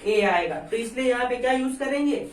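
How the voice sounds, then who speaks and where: A woman's voice: fairly high pitch, animated, normal speed. A woman teaching a grammar lesson, asking questions and answering them herself and repeating the key points. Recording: echoey room, voice from far off.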